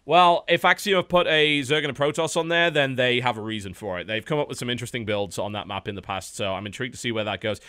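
A British man hosting an esports show, wrapping up a match with energetic, quick-fire commentary. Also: mid-range voice, clean tone. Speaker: esports caster and show host. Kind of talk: post-match commentary wrap-up.

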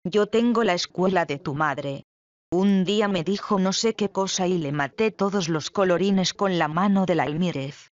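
A reader voicing a sharp-tongued older woman servant in a dramatic play reading, speaking bluntly and mockingly. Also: mid-range voice, normal speed, no room sound, lightly acted. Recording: dull, lo-fi, dry.

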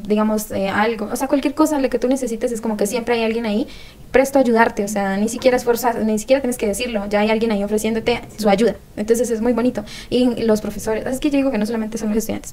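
A woman's voice: a little high, fairly even intonation, fast, mellow, slight background noise. A young woman from Colombia with a Colombian accent, chatting casually as an exchange-student guest in an interview. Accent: Colombian, not paisa. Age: young adult.

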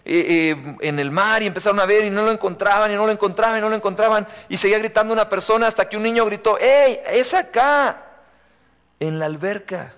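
A man's voice: sits high, steady tone, fast talker, few pauses, a bit bright, clear, resonant tone. A man preaching a live sermon to young people in a church, emphatic, repeating refrains and asking the audience questions. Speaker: youth preacher. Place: church sanctuary. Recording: long reverb of a church hall.

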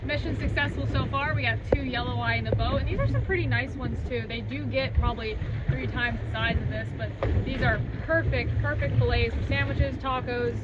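A young woman fishing as a guest on an open boat at sea, upbeat and excitable, recorded on an action camera. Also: sits high, fairly quick, lo-fi sound. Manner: upbeat and excitable, loud exclamations. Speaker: guest angler. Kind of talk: casual chat while fishing. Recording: loud wind and boat noise.

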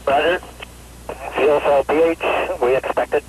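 Crew member, male, heard through a radio transmission, brief matter-of-fact readbacks, slightly raised pitch. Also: steady tone, unhurried, a little hiss or hum, low-quality recording. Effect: air-to-ground radio transmission from the spacecraft. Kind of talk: clipped radio replies.

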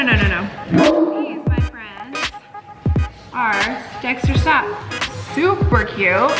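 In a roomy-sounding space, a woman with a high voice vlogs casually from home. She chats and gushes about clothes, cooing at the kids along the way.

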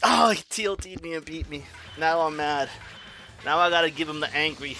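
A man giving live commentary on his own fighting game match, excitable, swearing and trash-talking. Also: on the high side, moderate pace, a little hiss or hum. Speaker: gaming streamer.

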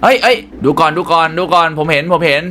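A young man hosting a gaming channel, excitedly commenting on a puzzle game and talking to his viewers. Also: on the high side, quick pace, a little hiss or hum. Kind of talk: let's play commentary.

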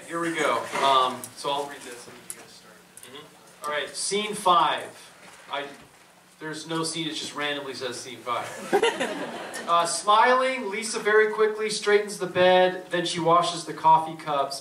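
A man on a cinema stage reading a script's stage directions aloud to a live audience, amused and brisk. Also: fairly high pitch, pushed and bright, distant mic, a little hiss or hum. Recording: echoey hall, picked up from afar.

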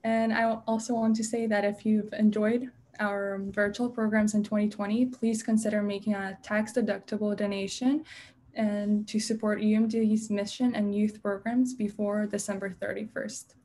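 A young woman with a Macedonian accent hosts a webinar in a flat, even intonation. Her voice is soft-edged and mellow, with some background noise on the video call. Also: mid-range voice, normal speed. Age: young adult. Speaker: webinar host. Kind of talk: hosting, scripted announcements.

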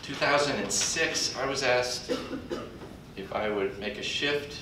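At a podium in a large conference hall, an older man introduces a colleague in a folksy, halting way, pausing often. A computer captured his podium mic from a distance, so the recording is echoey with a rumble in the background.

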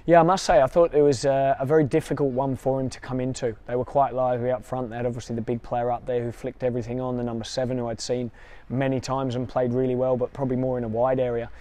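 With a dark tone and flat delivery, a man in his thirties who coaches football answers questions outdoors by the pitch after a match. He is measured yet fast, with small restarts.

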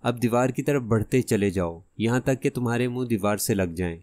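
A man voicing a cunning masked gunman in an audiobook who gives hushed, threatening orders. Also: medium pitch, close to an everyday voice. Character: menacing masked male gunman, cunning and cold.

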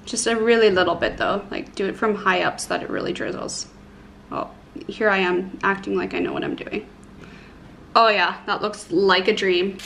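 Expressive and a bit bright, with a gravelly edge, this woman's medium-pitched voice moves at normal speed over slight background noise. She's a beauty and lifestyle vlogger in her twenties, chatting casually and self-deprecatingly with her viewers in the living room and kitchen of her home, bubbly and informal throughout.

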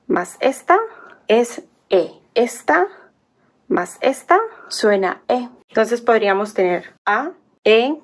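A woman's voice: mid-range voice, animated. A woman teaching an alphabet, spelling out syllables one by one in a patient, explaining way. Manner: patient, spelling out sounds slowly. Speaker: language teacher. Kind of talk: explaining on a whiteboard.

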